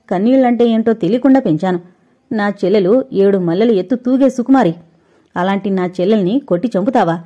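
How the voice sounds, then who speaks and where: An outraged older brother scolds in a loud, raised, indignant voice, warm and mellow underneath, as a woman narrator plays him. Audio storybook drama. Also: a little high, close to an everyday voice. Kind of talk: audio novel reading.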